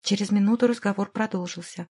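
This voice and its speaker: A woman narrating a novel in the first person, in a measured, even storytelling manner. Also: mid-range voice, slightly rough. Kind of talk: scripted audiobook narration.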